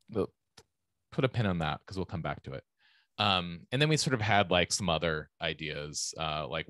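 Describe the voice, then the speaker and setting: A man, a type designer, presenting his work in a casual conference talk and explaining ideas in a relaxed way, with frequent ums and uhs. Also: low-pitched, no echo, clean studio sound. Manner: relaxed, explanatory, many fillers.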